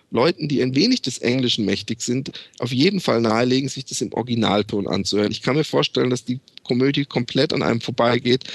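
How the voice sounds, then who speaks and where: Gravelly man chatting about a film. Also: mid-range voice, no room sound. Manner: rambling, many fillers and restarts, retells scenes. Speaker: film reviewer. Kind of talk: casual film recommendation chat.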